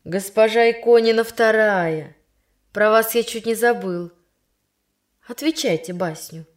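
A woman voicing an exasperated, angry male schoolteacher who shouts and scolds. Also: a little high, a little slow, natural voice. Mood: weary. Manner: shouting, then bitter and stern.

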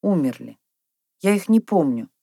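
A woman reading a storybook plays a shy, bookish young girl who speaks softly and timidly. Her voice sits well above the reader's own. The recording is dry and close. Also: a little high, expressive, moderate pace, no room sound, pitched above the performer's own voice. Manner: timid, soft-spoken.

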